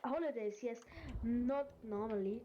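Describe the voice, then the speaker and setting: A woman from Germany, chatting casually, halting and searching for words. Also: a little high, mellow. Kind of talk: casual chat. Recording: muffled, with faint noise.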